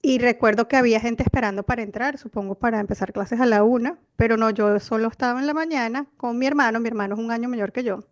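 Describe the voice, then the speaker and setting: A young adult woman with a Venezuelan accent, co-hosting a podcast in relaxed, reflective conversation and laughing easily. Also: a little high, fast talker, hardly any pauses, highs cut off. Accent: Venezuelan Spanish. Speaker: podcast co-host. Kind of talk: casual chat.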